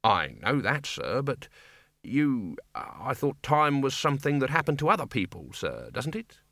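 A man's voice: medium pitch, wildly swooping pitch, a little slow, creaky, sharp tone, dry recording, exaggerated voice. A man voicing an old, fawning male servant who talks nervously, pleading and stammering in an audiobook reading. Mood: anxious.

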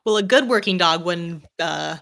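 Bright-voiced woman player. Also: lowish voice, lively intonation, normal speed, vocal fry. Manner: casual, laughing often. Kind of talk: casual tabletop play chat.

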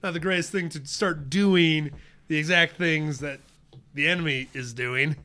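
Young male podcast host, bright and a touch high, loose and laughing while he reads notes. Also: measured pace. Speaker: podcast co-host presenting research. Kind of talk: casual chat.

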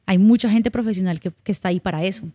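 Young adult woman, podcast guest. Candid, heartfelt storyteller. Mellow, warm tone, dry close sound. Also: medium pitch, rapid-fire, no room sound. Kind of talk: casual conversational interview.

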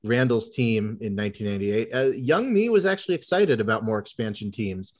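A man's voice: on the low side, animated, fairly quick. A man in his thirties co-hosting a sports podcast, talking in a wry, rambling, self-deprecating way. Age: 30s. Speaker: podcast co-host. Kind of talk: casual sports chat.

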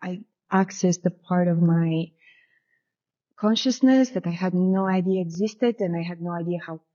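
Her voice is mellow and on the low side, moving at a normal speed: a Bulgarian shamanic guide in her thirties, a guest telling her story in a casual interview. She's reflective and leans on "you know" fillers, heard through a muffled lo-fi recording.

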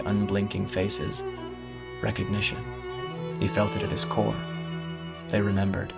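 A man reading a dramatic story as narrator, in a measured, dramatic way. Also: fairly low pitch, creaky. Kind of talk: scripted audiobook narration. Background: music.

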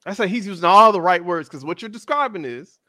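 A man co-hosting a casual chat, animated and acting out quotes in shifting voices. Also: sits high, quick pace, no echo, studio quality. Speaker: podcast co-host.

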